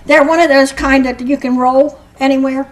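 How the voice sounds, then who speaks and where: An older woman from Norwood, Ohio, speaking as a resident at a council meeting, rambling and aggrieved, with halting restarts. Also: sits high, steady tone, poor audio. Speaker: resident speaking at public comment. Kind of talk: public comment at a council meeting.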